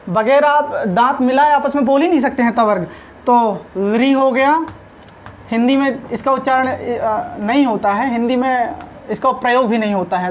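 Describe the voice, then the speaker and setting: A man's voice: very high voice, slight background noise. A man teaching a spoken lesson on pronunciation, sounding out each letter carefully.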